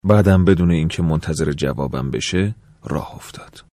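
Deep, dark-voiced male narrator. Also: no room sound, clean studio sound. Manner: calm, measured, with dips to a soft whisper. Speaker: audiobook narrator. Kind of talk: scripted first-person narration.

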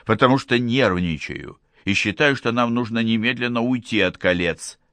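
A man's voice: mid-range voice, moderate pace, a bit bright, dry recording, close to an everyday voice. A man voicing an anxious young woman. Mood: nervous. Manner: anxious, urgent. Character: nervous young woman scientist.

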